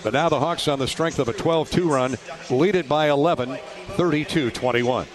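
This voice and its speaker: Live from an indoor basketball arena, an American radio announcer calls the game play by play in a voice on the high side at normal speed. The game ambience comes through clearly, bouncing balls included.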